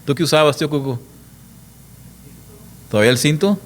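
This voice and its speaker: A middle-aged pastor preaches emphatically in church, peppering the congregation with rhetorical questions and telling stories in lively quoted voices. His voice is a little high and brisk.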